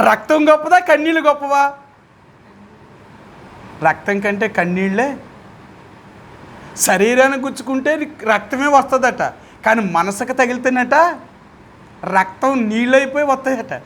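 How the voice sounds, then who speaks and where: A man's voice: high-pitched, a bit bright, slight background noise. A man with a Telugu accent leading a Bible study as pastor, who keeps putting questions to his listeners and speaks with emphasis.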